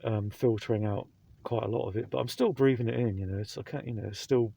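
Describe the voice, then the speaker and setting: Rambling man with a gravelly voice. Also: fairly low pitch, steady tone, fast talker, mellow. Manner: rambling, repeats himself, many fillers. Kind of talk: casual vlog monologue. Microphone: speaking through a face mask.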